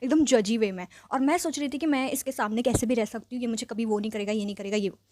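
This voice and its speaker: A young woman telling a personal story in a chatty, animated vlog style, dropping English phrases in and leaning on fillers. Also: fairly high pitch, quick pace, no echo, clean studio sound. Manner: mixes English phrases into speech. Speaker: vlogger. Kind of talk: casual storytelling.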